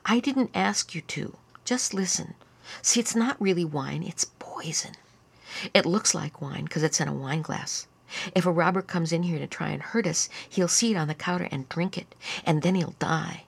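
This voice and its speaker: Woman doing a bossy big-sister girl, firm and matter-of-fact, low gravelly voice. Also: moderate pace. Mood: explaining. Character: resourceful eldest girl, quick-thinking and bossy.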